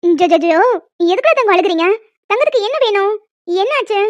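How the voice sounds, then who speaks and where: A woman voicing a young wife and other women of a family in an animated story, with quick, expressive delivery. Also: extremely high pitch, no echo. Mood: emotional chat. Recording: dry, dull lo-fi home mic.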